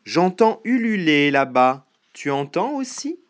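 A lumbering storybook monster, gruff and easily fooled, with a growl in its words, as a storyteller puts it on. It speaks slowly, and its pitch rises and falls widely. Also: sing-song. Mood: gruff, wondering. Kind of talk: storybook read-aloud.

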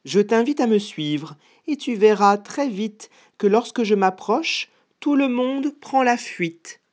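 A storyteller voicing a small, clever, boastful mouse in a read-aloud storybook, speaking in a cheeky, squeaky way. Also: animated, slow, darkish tone.

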